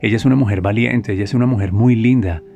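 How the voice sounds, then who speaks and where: A man voicing a woman friend who praises her friend warmly. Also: fairly low pitch, fast talker, vocal fry, lo-fi sound, soft background music. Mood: admiring.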